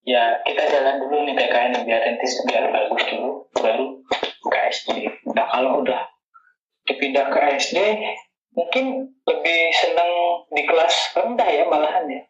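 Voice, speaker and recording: A man who teaches kindergarten, a podcast guest telling his story in animated casual chat and laughing easily. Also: a little high, normal speed, roomy sound, dull audio.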